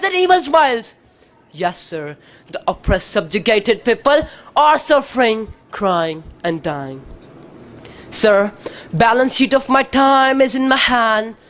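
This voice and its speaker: A woman with a Pakistani accent declaims in a high-pitched voice. Her elocution is precise and deliberate, broken into short, emphatic phrases. The delivery is theatrical, like a formal declamation contest speech. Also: fairly bright tone. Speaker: student competitor in a declamation contest.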